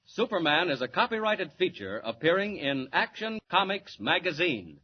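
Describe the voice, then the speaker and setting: A man's voice: sits high, sing-song, normal speed, breathy edge, lo-fi sound. A man announcing and narrating a 1940s radio serial in a dramatic, declamatory way. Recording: scratchy 1940s radio transcription.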